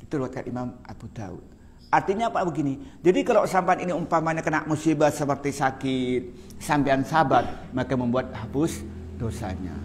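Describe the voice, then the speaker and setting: A middle-aged man, an Islamic preacher, gives a religious lecture to a live audience in a medium-pitched voice at normal speed. He is chatty and joking, often putting questions to the listeners, with slight background noise.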